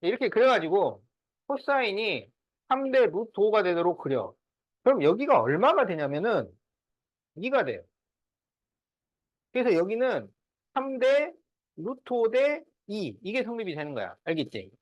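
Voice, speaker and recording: A man's voice: high voice, very animated, a little slow, long pauses, no room sound, dull audio. A man teaching a class math, working through problems step by step and often checking whether students follow. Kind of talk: classroom lesson.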